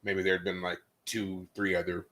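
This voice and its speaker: Male podcast co-host, casual, animated retelling with loud exclamations. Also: low-pitched, normal speed. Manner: animated storyteller, acts out scenes with loud exclamations. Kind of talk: casual chat. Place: live podcast recording.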